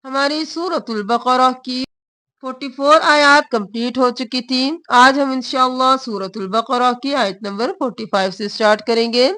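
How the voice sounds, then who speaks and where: بلند آواز والی خاتون معلمہ، سست تلاوت. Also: female voice, sits high, pushed and bright, dry recording. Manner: draws out recited words slowly, explains in quick short phrases. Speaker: Quran tajweed teacher. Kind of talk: slow recitation and explanation lesson.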